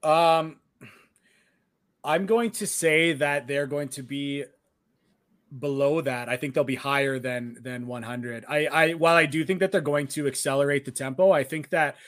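A man's voice: on the high side, moderate pace, a bit bright, no room sound, studio quality. A man co-hosting a college sports podcast, talking casually and rambling with many fillers. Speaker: podcast co-host.

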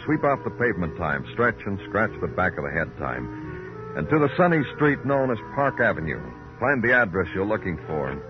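In a dramatic old radio crime drama from the 1940s or 50s, a male actor with a low voice plays a weary, brooding American police detective narrating his case in clipped, poetic phrases. The recording sounds dull and old, and the music is loud.

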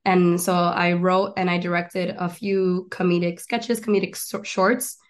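A woman's voice: fairly low pitch, flat delivery, a little slow. A woman in her twenties from Miami and Argentina, a guest talking about her career in a casual interview, eager and chatty with many restarts. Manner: chatty and eager, lists things, frequent restarts. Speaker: guest, actress and stand-up comedian.

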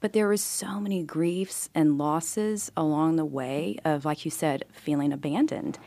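A low-voiced woman host speaks reflectively, offering gentle advice to her listeners. Her voice sits deep for a woman. The sound is close and dry, with no room around it. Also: measured pace, dry recording. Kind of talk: supportive counseling talk.

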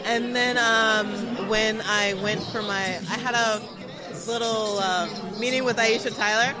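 Being interviewed at a crowded fan convention, a cosplayer from Florida, US, talks in an effusive, emphatic way, repeating herself and circling back on phrases in casual, excited chat. She speaks unhurriedly, with fairly high pitch and fairly even intonation. The audio is poor, with music and crowd noise in the background.

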